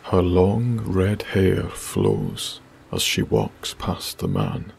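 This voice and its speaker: Deep, gravelly, slow sleep-story narrator man. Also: wildly swooping pitch, a little hiss or hum. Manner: soft, hushed, breathy.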